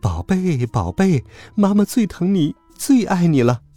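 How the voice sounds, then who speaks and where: A man's voice: sits high, wildly swooping pitch, slow, darkish tone, husky, dry recording, pitched above the performer's own voice, exaggerated voice. A man voicing a sly female child trafficker who coaxes in a sing-song voice and shrieks when frightened. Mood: coaxing. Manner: coaxing sing-song, then shrieking in fear. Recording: dry close recording with faint music.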